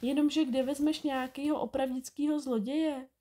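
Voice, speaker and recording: A woman reading a storybook aloud and voicing a bossy, quick schoolgirl who scolds her friend. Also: sits high, steady tone, mellow, pitched above the performer's own voice, close to an everyday voice. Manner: brisk and scolding.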